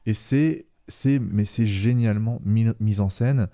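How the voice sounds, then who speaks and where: Man, low warm mellow voice, halting film-review co-host who gropes for words. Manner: hesitant, many fillers and trailing quoi. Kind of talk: casual film review chat.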